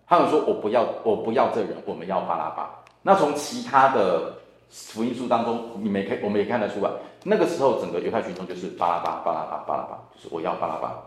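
Taiwanese mandarin guy teaching bible class, voice jumps up and down a lot, echoey room. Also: mid-range voice. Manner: animated, acts out the dialogue of the people in the passage. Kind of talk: Bible study lecture. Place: church classroom.

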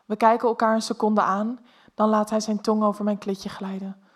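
A woman reading an erotic story aloud in a soft, intimate first-person narration. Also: mid-range voice, little pitch movement, moderate pace.

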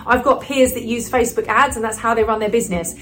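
A woman's voice: fairly high pitch, steady tone, quick pace, a bit bright, a little hiss or hum. A woman business coach talking casually to camera, upbeat and chatty, with lots of "you know" fillers.

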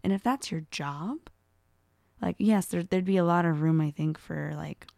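A woman's voice: on the low side, normal speed, gravelly, darkish tone, no room sound, clean studio sound. A young adult woman co-hosting a podcast in casual chat, rambling with many fillers. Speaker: podcast co-host.

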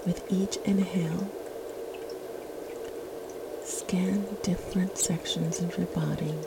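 A woman leading a guided meditation in a soft, soothing, gentle spa-like whisper, as the host. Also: lowish voice, fairly even intonation, slow pace, very noisy. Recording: loud watery ambience, dripping water. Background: running and dripping water ambience.

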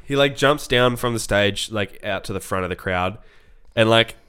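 A young man, co-hosting a podcast, telling an excited story in casual chat and acting out what people said. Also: fairly low pitch, moderate pace, clean tone. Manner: excited storytelling, acts out quotes. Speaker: podcast co-host.

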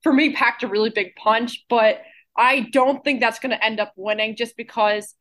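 A woman's voice: fairly high pitch, steady tone, normal speed, fairly bright tone. A woman co-hosting a movie podcast, talking thoughtfully and hedging with likes and ums. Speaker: podcast co-host. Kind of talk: casual podcast chat.

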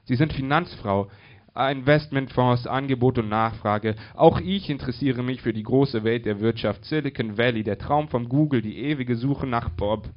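A man voicing a goofy, lovable, slow-witted young man who talks earnestly. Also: mid-range voice, lightly acted. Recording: dull lo-fi recording.

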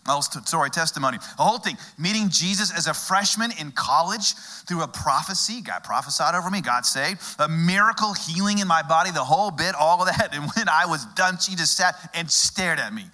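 A middle-aged male pastor from Texas, preaching a sermon through a humorous story told with dramatic pauses. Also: a little high, pushed and bright.

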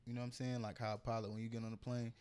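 A man co-hosting a podcast in casual chat, animated and slangy. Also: medium pitch, rapid-fire, clear, resonant tone. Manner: animated, slangy, lots of "you know what I'm saying". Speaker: podcast co-host.

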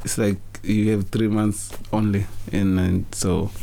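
A young man from Zimbabwe answering interview questions in a relaxed, hesitant way, with many fillers and restarts. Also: on the low side, measured pace, gravelly, slight background noise. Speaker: interview guest, business founder.

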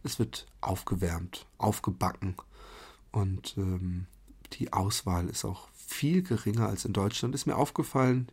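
Podcast host, man from Germany, slightly low and husky voice, relaxed rambling delivery. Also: a little slow. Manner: chatty and rambling, with many fillers and restarts. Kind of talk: casual monologue.

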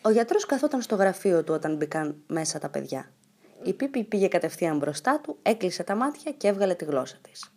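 A woman reading a children's story aloud as narrator, in a calm, even storytelling manner. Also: lowish voice. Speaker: reader.

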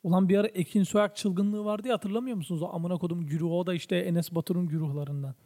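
A man's voice: high-pitched, fairly even intonation, fast talker, dark tone. A young man from Turkey in his twenties, hosting a podcast, ranting casually and swearing a lot in an exasperated way. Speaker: podcast host.

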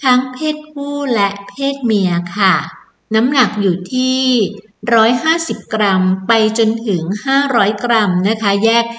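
A woman's voice: fairly high pitch, measured pace, a bit bright. Woman presenter in an echoey room. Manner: polite, inviting, repeats key details for listeners. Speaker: presenter announcing a public event. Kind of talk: promotional announcement, semi-scripted.

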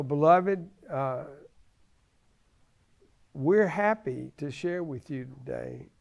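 With a creaky, fairly high-pitched voice, a man in his seventies offers religious teaching in a conversational, halting manner, repeating phrases to emphasize them.

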